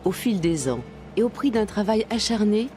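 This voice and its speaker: A woman reading scripted documentary narration in a measured, even way. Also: mid-range voice, soft background music.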